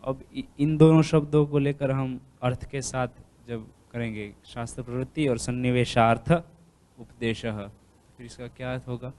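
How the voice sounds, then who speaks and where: A man's voice: mid-range voice, steady tone, normal speed, dark tone. A male student in a class, politely and hesitantly asking his teacher about a passage.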